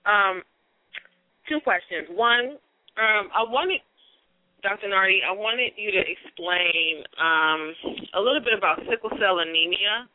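A woman from Oakland, California, calling in to a radio show with halting questions and many pauses. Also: mid-range voice. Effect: calling in over a phone line. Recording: tinny, dry phone line.

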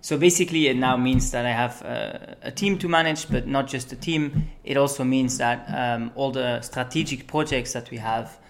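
A man's voice: mid-range voice, normal speed, vocal fry, few pauses. A young man from Belgium, a consultant being interviewed, who talks casually with many ums and uhs. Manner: relaxed, with frequent ums and uhs. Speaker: guest, management consultant.

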